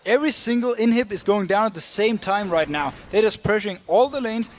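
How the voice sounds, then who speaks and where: A man's voice: high voice, fairly quick, slight background noise. A man giving analytical color commentary on an esports match, explaining the teams' strategy.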